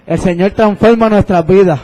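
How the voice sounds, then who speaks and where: A man's voice: high voice, moderate pace, a little mellow, low-quality recording. A young man preaching a sermon and telling his own testimony, fervent and repeating phrases.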